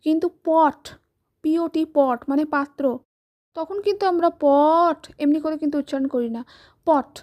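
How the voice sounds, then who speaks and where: A woman's voice: high voice, brisk, highs cut off. A woman with a Bengali accent teaching young children English, patiently spelling words letter by letter in a close voice-over.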